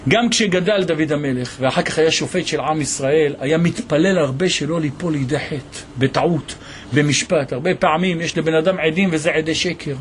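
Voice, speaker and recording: A man teaching a Torah lesson as a rabbi, telling a story with animated voices for its characters. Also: a little high, a little hiss or hum. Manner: animated storytelling, voicing the people in the tale.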